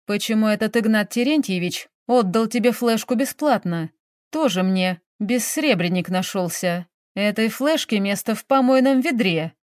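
A woman's voice: mid-range voice, normal speed, dry recording, close to an everyday voice. Woman doing a stern sarcastic male investigator. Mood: grumbling. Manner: dry monotone, lecturing.

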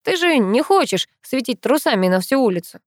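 A woman reading an audiobook who voices a playful young man teasing his best friend, in a lightly lowered, easygoing tone. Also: sing-song, moderate pace, no echo, clean studio sound.

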